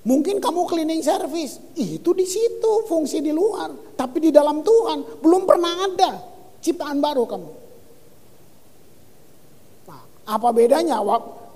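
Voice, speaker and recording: A man preaching a lively sermon as pastor, reading scripture and exclaiming. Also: very high voice, big-room sound. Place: church hall.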